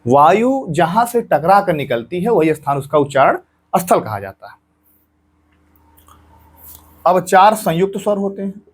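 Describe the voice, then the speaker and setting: A man with a fairly high voice teaches an exam-prep grammar lesson. He speaks patiently, voicing each sound himself and going over it again for his students. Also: sing-song, unhurried, pauses often, husky. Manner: patient, repeats sounds aloud and drills students.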